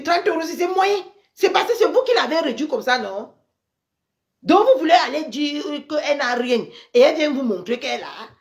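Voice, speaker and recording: An upset woman vents on a phone livestream, exclaiming and repeating herself. Her voice sits high and leaps around wildly, jumping from sharp outbursts down to low grumbles. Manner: agitated, exclaiming, repeating herself, swinging between loud outbursts and low mutters. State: upset and angry. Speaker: social media livestreamer. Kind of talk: indignant Facebook live rant.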